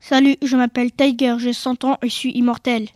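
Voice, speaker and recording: A woman voicing a friendly, lonely male talking tiger in a storybook tale, with a loud, emphatic character voice. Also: on the high side, level tone, moderate pace, no echo, close to an everyday voice. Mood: plaintive.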